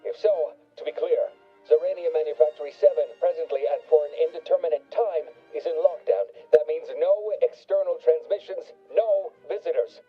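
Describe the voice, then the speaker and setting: A man's voice: a little high, normal speed, breathy edge. An actor playing a flustered male facility guard speaking over an intercom that sounds like an old time radio show. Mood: officious. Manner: formal, then stammering and flustered. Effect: old time radio sound, speaking through an intercom. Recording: dull lo-fi intercom sound with game music.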